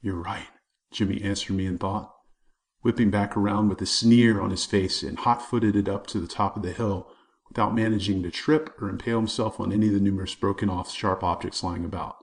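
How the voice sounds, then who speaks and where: A man's voice: on the low side, fairly even intonation, brisk. A man narrating a children's chapter book in a vivid storytelling manner. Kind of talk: audiobook narration.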